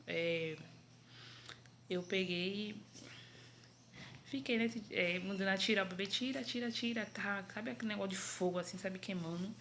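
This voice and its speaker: A woman's voice: mid-range voice, a bit bright, slight background noise. A young woman, telling a personal story in a chatty, rambling way with many fillers and restarts. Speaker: vlogger. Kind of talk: casual storytelling to camera.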